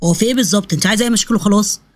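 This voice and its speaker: A woman voicing a defensive, evasive husband with an Egyptian accent, in a lowered voice. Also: racing, natural voice. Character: evasive unfaithful husband, grown man.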